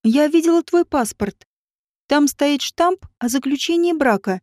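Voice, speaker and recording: Brief: woman narrator voicing a tense, cutting woman, high voice, dry and dark. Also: expressive, a little slow, no room sound. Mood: tense probing. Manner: quiet, tense, cutting questions. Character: composed woman, tense, cold, probing.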